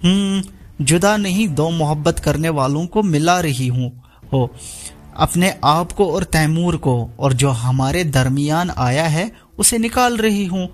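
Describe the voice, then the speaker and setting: A man's voice: a little high, a little slow, close to an everyday voice. Man putting on a smug scheming villainess. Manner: sneering, taunting. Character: scheming young woman villain, smug and cruel.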